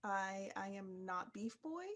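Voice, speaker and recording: A woman's voice: mid-range voice, animated, slow, a bit bright. Dry-humored woman playing a tabletop game. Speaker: player.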